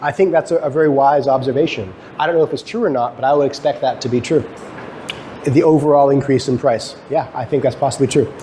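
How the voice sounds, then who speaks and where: A man with a mid-range, dark-toned voice talks fast as he gives an explanatory lecture to students, keeping it conversational by asking questions and answering them himself. Originally from Guyana, he emigrated to Canada and works as a lecturer and academic researcher. The live recording from the lecture room is clearly noisy.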